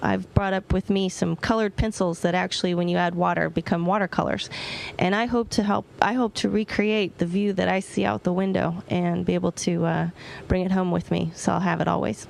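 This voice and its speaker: Woman, astronaut, creaky voice, informal Q&A, plain-spoken, encouraging, faint radio-link noise. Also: fairly low pitch, fairly even intonation, fairly quick. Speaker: astronaut answering questions from orbit. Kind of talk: informal question-and-answer with students. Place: aboard a space station. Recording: noisy space-to-ground radio link.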